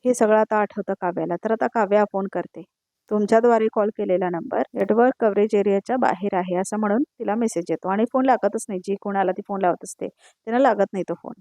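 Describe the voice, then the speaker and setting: A woman's voice: mid-range voice, fast talker, warm tone, no echo. A woman giving a casual spoken recap of a TV serial episode, chatting along and tagging each quoted line with who said it. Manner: conversational, repeats "now she says" tags between quoted lines.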